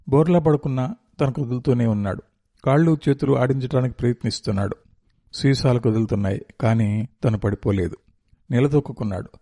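A man narrates a tense story in a dark, mellow voice, reading it aloud with intensity and measured pauses. The sound is dry and close, with no room around him. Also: mid-range voice, dry recording.

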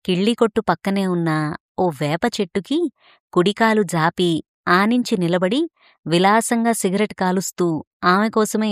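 A woman reading a story aloud in a steady, expressive narrating voice. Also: on the low side, no room sound, studio quality.

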